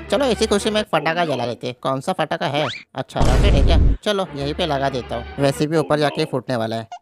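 A performer voicing a jolly, teasing old grandpa in a cartoon dub, loud and yelping. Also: medium pitch, animated, brisk, lightly acted. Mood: playful. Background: background music.

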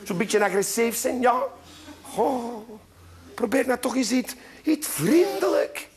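A man's voice: extremely high pitch, lively intonation, slow pace, breathy edge, voice pushed up, heavily acted. A man with a Flemish accent voicing a worried mother who scolds and coaxes her boy. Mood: nagging. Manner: pleading, scolding, coaxing.

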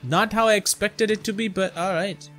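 A man's voice: high voice, steady tone, moderate pace, a bit bright, soft background music. A man talking casually over his gameplay, reacting aloud and cursing at the game. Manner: chatty, reacts aloud, laughs and curses at the game. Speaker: gameplay streamer.

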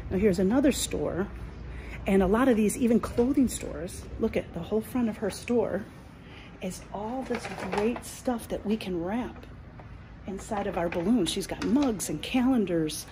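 Walking through a big indoor mall with her phone at arm's length, a middle-aged woman business coach vlogs eagerly and chattily, pointing things out along the way. She speaks at medium pitch and a little slowly, over a noisy background.

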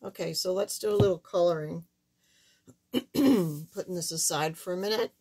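Thin, squeaky-voiced older woman, low-pitched. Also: moderate pace, mellow, slightly rough. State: hoarse while recovering from surgery. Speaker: craft tutorial host. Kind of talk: casual card-making demonstration. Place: indoors at a wooden craft table, camera overhead.

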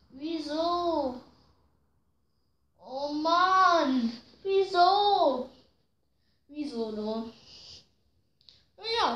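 A woman giving slangy, excitable commentary while playing a racing game, groaning and pleading at the screen. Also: high-pitched. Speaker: gaming video host. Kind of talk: casual gameplay commentary. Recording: roomy echo.

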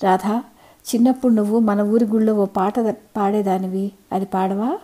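A woman's voice: mid-range voice, fairly even intonation, moderate pace, mellow, natural voice. Storybook husband in his late fifties, fond and easygoing, read by a woman narrator.

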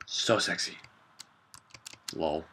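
A young man giving casual, rambling gameplay commentary with deadpan absurd jokes. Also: drawn-out words, slight background noise. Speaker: gaming vlogger. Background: game music.

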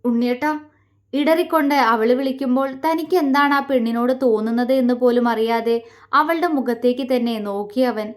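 Female storyteller reading a romance serial; gentle, emotive, somewhat high pitch. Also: brisk. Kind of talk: reading an audio love story.

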